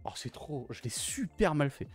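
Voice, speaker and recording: A man's voice: on the high side, sing-song, normal speed, music in the background. A young man gushing in a casual, slangy film review, often repeating his exclamations. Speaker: YouTuber reviewing films.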